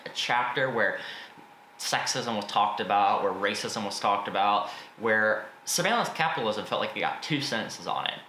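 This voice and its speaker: A book reviewer and video host gives a casual spoken review, blunt in his opinions yet often hedging them. His voice is on the low side, bright and forceful. The room is echoey with faint background noise.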